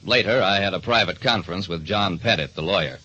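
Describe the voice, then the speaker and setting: A man with an American accent delivers dramatic, hard-boiled detective narration in old-time radio style. His voice is low and a little fast, and the recording is dull and band-limited with heavy background noise.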